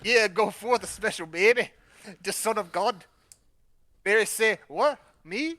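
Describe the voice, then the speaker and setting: A playful storyteller with a broad Jamaican lilt and a slight lisp, as a man puts the accent on. The voice sits high and bright, and it rolls through the tale in a comic read-aloud way. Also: measured pace, no echo. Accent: put-on Jamaican.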